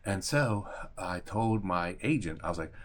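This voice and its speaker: Low-voiced man telling a personal story. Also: animated, unhurried. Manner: conversational, mildly profane, acts out remembered dialogue. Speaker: real estate agent and attorney. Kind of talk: casual personal storytelling to camera.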